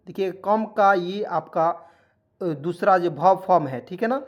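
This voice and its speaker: A man's voice: sits high, unhurried, lo-fi sound. A man teaching English in Hindi as an online lesson. He spells each word letter by letter, then says it, and often checks that the listener is following.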